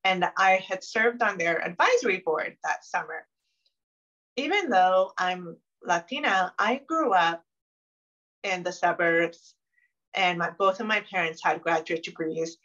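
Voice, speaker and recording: A woman with a lowish voice tells her story in an earnest, reflective way. The recording sounds dull and lo-fi, with the top end muffled. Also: animated, unhurried, a bit bright. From Maryland, United States. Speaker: interviewee, consultant. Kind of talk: conversational interview answers.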